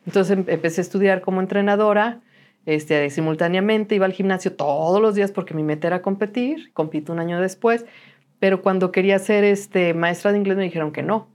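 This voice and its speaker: A woman's voice: mid-range voice, a little fast. A middle-aged woman chats as a guest in an interview. She tells her story with energy and acts out the voices of people in it. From Mexico. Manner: animated storyteller who acts out quoted dialogue. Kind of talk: casual interview chat.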